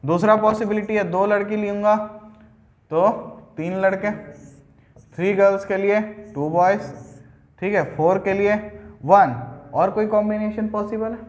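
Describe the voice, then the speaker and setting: High-voiced man teaching math, echoey room. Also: fairly even intonation, measured pace, pauses often. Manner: conversational, checks understanding, mixes English terms in. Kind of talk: whiteboard math lesson.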